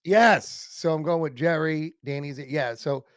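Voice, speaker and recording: A man's voice: on the high side, unhurried, dry recording. A man co-hosting a casual fan podcast about an old TV show, rambling and self-interrupting, laughing often. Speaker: podcast co-host.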